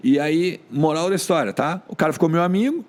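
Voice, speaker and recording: A middle-aged man with a Rio Grande do Sul accent, a sports journalist telling stories in an animated, colloquial way on a podcast. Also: fairly high pitch, a little fast. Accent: Rio Grande do Sul Portuguese. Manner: animated, colloquial, with frequent filler tags. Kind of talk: casual podcast storytelling.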